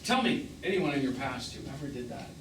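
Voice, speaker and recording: A stage actor plays a wounded middle-aged man in a live drama, sounding wistful and mournful. His natural, medium-pitched voice is expressive and fairly quick. Recorded from a distance in a small theatre, the performance comes across echoey, noisy, and far away.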